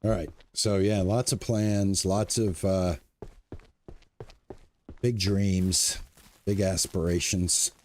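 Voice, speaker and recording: Here a sixties-aged streamer plays a farming game and talks upbeat to chat in casual commentary. He speaks slowly in a low, darkish voice with a level tone, leaving long pauses.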